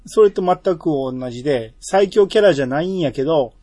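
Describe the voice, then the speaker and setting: Man chatting, lively husky voice. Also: fairly high pitch, fairly quick, dry recording, studio quality. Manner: relaxed, teasing banter with frequent laughs. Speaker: podcast co-host. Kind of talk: casual chat.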